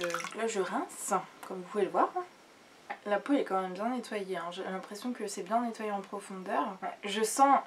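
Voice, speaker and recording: A young woman chatting casually while reviewing skincare products, rambling with many fillers and restarts, sitting on her bed. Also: medium pitch. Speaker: beauty vlogger. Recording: distant camera mic with faint room noise.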